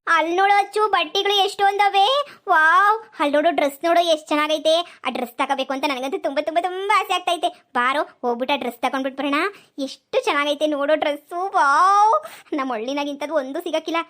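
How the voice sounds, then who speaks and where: A woman voicing an excited young village bride new to the city, gushing and loud, in a comedy skit. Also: high-pitched, quick pace, lightly acted.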